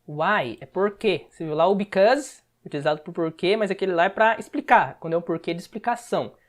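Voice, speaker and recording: A woman with a Brazilian Portuguese accent gives an English lesson. She explains word by word and keeps checking in with a quick "tá?". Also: fairly low pitch. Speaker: English teacher. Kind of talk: step-by-step language lesson.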